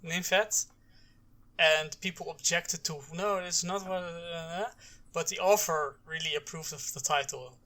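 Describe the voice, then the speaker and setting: A man whose first language is Dutch talks in a casual discussion. His voice sits slightly high and has a sharp, very bright edge. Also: steady tone, measured pace.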